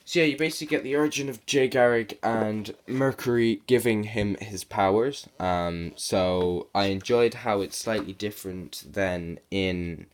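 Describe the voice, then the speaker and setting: Slow, low-voiced man with a sore throat. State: sick with a sore throat and sniffles. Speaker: comic book reviewer. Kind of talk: casual video review.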